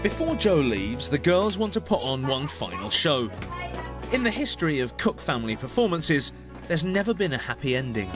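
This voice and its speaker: A man's voice: fairly high pitch, big pitch swings. British guy narrating a doc, lots of up and down in his voice, music playing under him. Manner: measured, storytelling. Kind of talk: scripted documentary narration.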